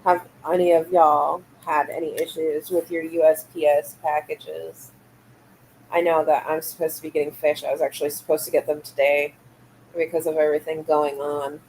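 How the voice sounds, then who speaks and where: A woman hosts a casual late-night livestream from a room at home lit by fish tanks, meandering and hesitant, with plenty of fillers and trailing thoughts. Her deep voice has a darkish tone, little pitch movement and a normal speed. The recording is rough, with slight background noise.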